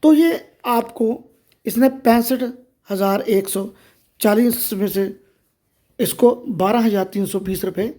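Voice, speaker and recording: A woman presents a step-by-step tutorial. Her voice is mid-pitched and soft-edged, with little brightness. She explains each point by addressing the listener directly. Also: takes it slowly. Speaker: tutorial host. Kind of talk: step-by-step screen reader tutorial.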